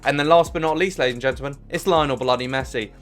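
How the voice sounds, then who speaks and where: A man's voice: medium pitch, fast, fairly bright tone. A young man giving enthusiastic, emphatic commentary as a gaming YouTuber ranking cards on a tier list. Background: faint background music.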